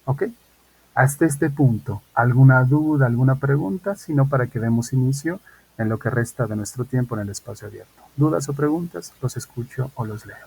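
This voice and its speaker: A man's voice: mid-range voice, normal speed, gravelly, warm tone, a little hiss or hum, poor audio. A man, an English teacher explaining assignments in an online class and often checking in with his students. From Mexico.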